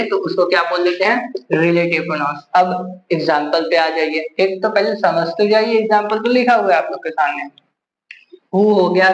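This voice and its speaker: High-voiced man teaching grammar, echoey room. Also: muffled recording, slight background noise. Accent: Hindi. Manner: repeats rhetorical questions to the class. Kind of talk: classroom grammar lesson.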